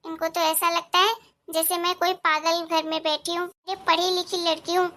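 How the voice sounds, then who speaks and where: A woman plays a young daughter-in-law in a cartoon moral story. She talks to herself in a chatty, grumbling run of thoughts. The voice sits very high. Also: flat delivery, moderate pace, sharp tone.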